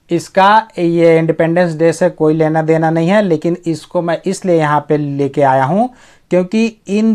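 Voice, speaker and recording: A man's voice: fairly high pitch, a little mellow. A man from India, teaching English vocabulary as a teacher. He asks and answers his own quiz questions and draws out key words. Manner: drawn-out stress on key words. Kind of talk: vocabulary lesson.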